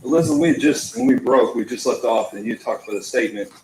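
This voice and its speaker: A man in a courtroom recording, an attorney questioning a witness, halting with frequent ums and restarts. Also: mid-range voice, darkish tone. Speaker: prosecuting attorney. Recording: echoey courtroom with faint hiss.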